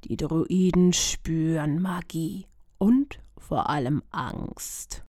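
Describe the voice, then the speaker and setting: A woman voicing a gentle, worried male dragon who speaks lower and slowly in a storybook. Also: no room sound, clean studio sound, full character voice. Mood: cautious.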